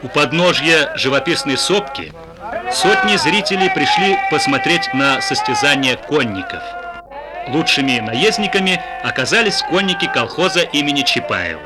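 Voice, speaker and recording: A man's voice: a little high, lively intonation, normal speed, heavy background noise. A man reading formal, declamatory narration for an old archival newsreel as a studio voice-over. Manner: formal, declamatory announcer delivery. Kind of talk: scripted documentary narration. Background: loud music.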